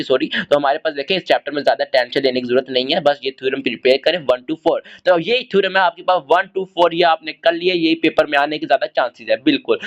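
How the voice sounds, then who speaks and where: A man from Pakistan, giving students casual exam tips, often restarting and addressing them directly. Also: a little high. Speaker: exam prep tutor.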